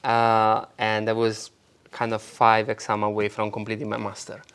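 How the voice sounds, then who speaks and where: A man in his thirties from Italy with an Italian accent, a guest telling his story in a lively, animated way in a casual interview. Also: on the low side, normal speed, clean tone. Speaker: guest, marketing agency founder.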